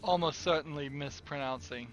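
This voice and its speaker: A man's voice: fairly high pitch, moderate pace. A man giving casual gameplay commentary, muttering and thinking aloud. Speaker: gaming video host. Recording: loud game music behind. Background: game music and effects.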